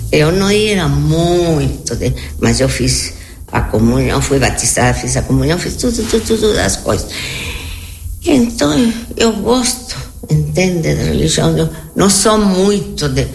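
Soft music plays behind an elderly Argentine woman whose low, creaky, darkish voice swings widely in pitch at a normal speed. A native Spanish speaker with an Argentine accent, she reminisces as an interview guest, repeating words and seeking agreement.

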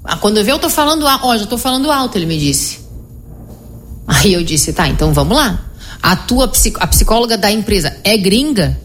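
A middle-aged woman psychologist, explaining her method in an animated conversational interview, often tagging her sentences with "né?". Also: mid-range voice, brisk, slight background noise. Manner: explanatory, animated, frequent "né?" tag questions.

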